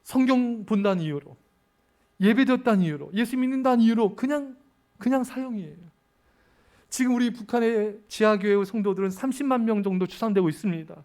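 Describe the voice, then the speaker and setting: High-voiced fervent male preacher. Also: a little mellow. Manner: fervent preaching, repeated appeals to the congregation, slows and swells on key phrases. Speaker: pastor. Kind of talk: sermon.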